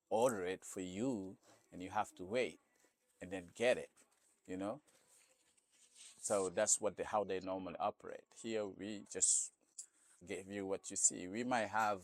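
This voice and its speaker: Being interviewed about his store, a Senegalese man speaks English as a non-native, with a Senegalese accent, and answers in a relaxed way, sprinkling in "you know." His voice is deep and the recording dry.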